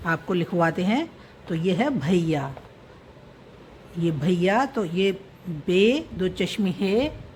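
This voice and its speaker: Woman, patient teacher, very slow pace, repeats and spells out words, slight room noise. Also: mid-range voice, darkish tone. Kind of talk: slow explanatory script lesson.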